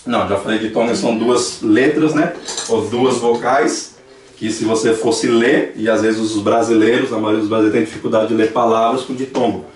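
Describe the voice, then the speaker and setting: This Dutch language teacher, a Brazilian man with a Brazilian Portuguese accent, speaks in a lowish, steady voice at normal speed while teaching a classroom lesson. He patiently explains and repeats examples out loud. The setting is an echoey church classroom recorded with a distant mic, and a little hiss or hum can be heard.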